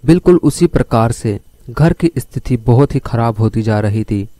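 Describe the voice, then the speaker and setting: A man telling a crime story, speaking straight to his listeners as he moves the plot along. His voice is dark and mellow, and the recording is close and dry. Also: medium pitch, expressive, moderate pace, dry recording. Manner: addresses listeners directly while telling the story.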